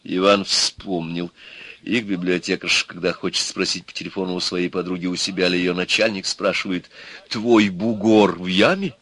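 A man narrating a literary audiobook in an expressive storytelling manner. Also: low voice, brisk.

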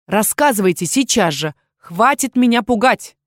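A woman's voice: medium pitch, animated, moderate pace, no room sound, studio quality, lightly acted. A woman reading an audiobook, voicing a nervous, prim young woman student who fires off anxious questions. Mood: indignant. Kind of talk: audiobook character voice.

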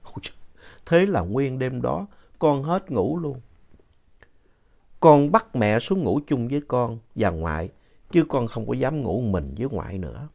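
A man narrating a ghost story in a conversational, lively way with asides to the listener. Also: medium pitch, unhurried, creaky. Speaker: story reader. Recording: dull lo-fi sound.

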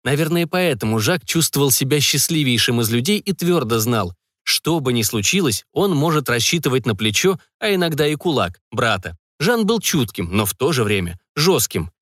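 A man giving measured, deliberate scripted narration of an audiobook. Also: mid-range voice, very animated, a bit bright, no room sound, studio quality.

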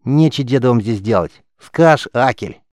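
A man's voice: mid-range voice, animated, moderate pace, a little mellow, no room sound, clean studio sound, close to an everyday voice. A man voicing a cheeky small street boy who mocks and squabbles in slang, in an audiobook. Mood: indignant.

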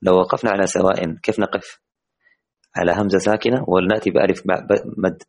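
A man with a very low, deep voice teaches an online Quran recitation lesson to women. He asks his students questions and praises their answers. When he recites examples, he slows down and draws out the words. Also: fairly even intonation. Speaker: tajweed teacher.

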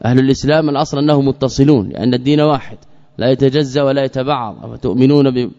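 A man's voice: mid-range voice, steady tone, mellow. Man lecturing with repeated phrases. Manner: measured, repeats key phrases for emphasis; poses questions and answers them himself. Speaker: sheikh teaching a creed text. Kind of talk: Islamic lesson explaining a text. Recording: dull lo-fi recording with long reverb.

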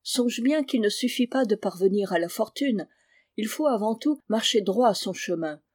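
A woman's voice: medium pitch, lively intonation, moderate pace, darkish tone, no echo, clean studio sound, lightly acted. A woman voicing a stern village schoolmaster lecturing a pupil. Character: stern moralizing village schoolmaster, older man.

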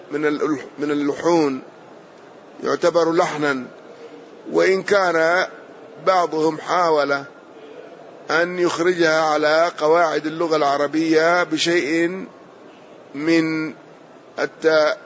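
A man's voice: on the high side, steady tone, unhurried, pauses often, a bit bright, a little hiss or hum. A man teaching a classical Islamic lesson, explaining a hadith commentary with short glosses and patient affirmations. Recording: dull lo-fi audio.

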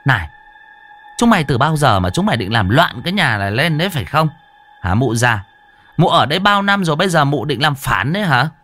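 A man's voice: sits high, very animated, normal speed, a bit bright, faint music behind, voice pushed up. A man voicing a cruel, sneering landlord's wife who scolds and picks fights. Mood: scornful.

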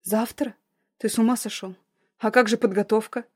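A woman voicing a frightened young heroine, speaking in a strained, quiet way. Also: a little high, fairly even intonation, moderate pace, slightly rough, no room sound, clean studio sound. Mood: tense.

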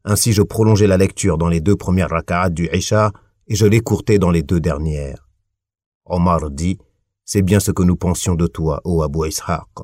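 A man giving a measured, steady reading of a religious text, adding formulaic honorifics as he goes. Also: low voice, no echo, clean studio sound. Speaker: audiobook reader.

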